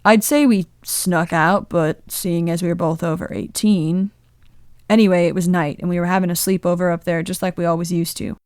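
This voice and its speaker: Sheepish, tender young man in his twenties as read by a woman, halting and confessional; lowish, smooth, dry. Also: fairly even intonation, darkish tone, dry recording, lightly acted. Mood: wistful. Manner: bashful, halting confessional storytelling.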